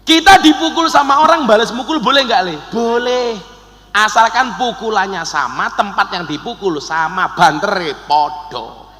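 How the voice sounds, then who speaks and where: High-pitched, bright Javanese preacher in a hall. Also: male voice. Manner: jokey, switches between Indonesian and Javanese, chants verses slowly. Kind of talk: humorous religious sermon. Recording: long hall reverb.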